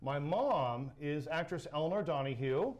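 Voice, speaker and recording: A middle-aged American man from Southern California, a sports announcer appearing as an interview guest, talks in a fairly high voice at normal speed. It's casual chat full of personal stories, which he tells with animation, acting out quoted dialogue.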